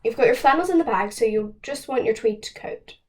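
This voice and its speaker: A woman playing an anxious, fragile woman who pleads haltingly down a telephone. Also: on the high side, animated, lightly acted. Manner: halting, pleading phone talk. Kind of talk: stage monologue, one side of a phone call.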